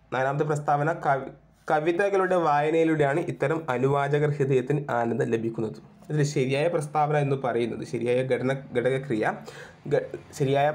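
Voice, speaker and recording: A man's voice: medium pitch, darkish tone. A man teaching an exam prep lesson. He reads out each question, asks it back, and repeats the answer several times.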